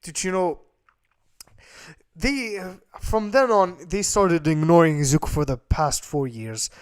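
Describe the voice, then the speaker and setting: Guy rambling through a made-up story, slightly high voice, tons of fillers. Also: measured pace, clear, resonant tone. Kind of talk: casual improvised storytelling.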